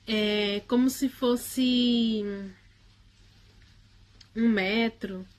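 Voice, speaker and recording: A woman's voice: a little high, fairly even intonation, very slow. A woman casually recounting a personal spiritual experience in the first person. She speaks hesitantly, with frequent tag questions and restarts.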